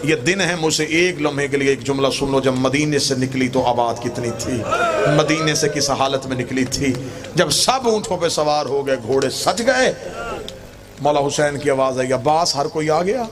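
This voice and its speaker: A man's voice: a little high, expressive, moderate pace, crowd noise. A man preaching a mourning sermon from the pulpit, telling the story in emotive rhythmic lines. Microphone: pulpit microphone. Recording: noisy live gathering recording.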